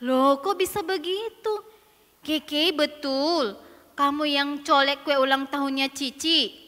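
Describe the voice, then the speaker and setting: Lady doing a firm caring mom, bright and high, hall echo. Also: steady tone, slow, heavily acted. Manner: firm, patient questioning.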